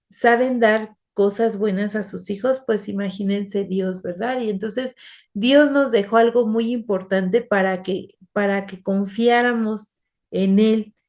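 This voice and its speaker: A woman leads an online Bible class for small children. She tells stories and keeps checking in with her listeners, at a middle pitch. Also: a little mellow. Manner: storytelling, often asks children "right?".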